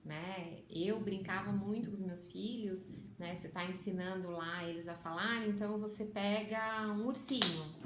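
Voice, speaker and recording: A woman's voice: medium pitch, fairly even intonation, moderate pace, few pauses, roomy sound, noisy background. A middle-aged Brazilian woman teaching parents in a chatty, emphatic way, often adding "né?" and switching into a sing-song voice for baby talk. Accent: Brazilian Portuguese. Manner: chatty, emphatic, frequent "né?" asides. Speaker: bilingual parenting educator. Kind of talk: casual teaching to camera.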